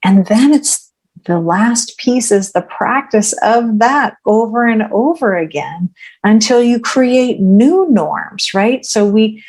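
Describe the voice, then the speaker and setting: A woman's voice: a little high, expressive, takes it slowly, darkish tone. A woman coaching in a podcast interview, explaining earnestly, often checking in with "right?" and acting out inner thoughts aloud. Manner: acts out her own inner thoughts aloud. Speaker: joy coach guest.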